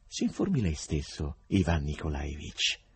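A man voicing a mysterious foreign stranger who speaks low and slowly, calm and ominous. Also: husky, full character voice. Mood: calm, knowing.

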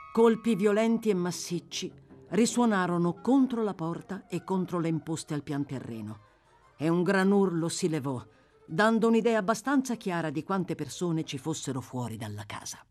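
A woman reading a classic novel aloud, narrating in a measured, dramatic storytelling manner. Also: lowish voice, darkish tone. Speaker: audiobook reader. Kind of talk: scripted literary narration.

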